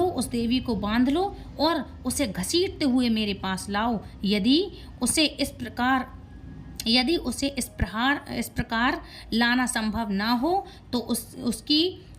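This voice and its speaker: A woman's voice: fairly high pitch, slight background noise. A woman voicing a wrathful male demon king who issues commands to his generals. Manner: issuing commands.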